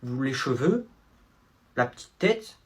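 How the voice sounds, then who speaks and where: A performer putting on an insolent teen schoolboy, husky and mumbly, street slang, talking back, voice swinging up and down, comedy sketch. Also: mid-range voice, big pitch swings, slow pace, voice pushed down, heavily acted. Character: cheeky slangy teenage schoolboy, insolent class clown.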